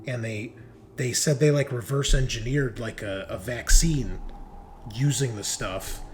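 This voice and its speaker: A man with a medium-pitched voice, carrying a little hiss or hum, acts lightly as a shaken, dazed crewman fresh out of cryosleep in a tabletop game. Halting and uneasy, he stammers through fragmented, broken recollections.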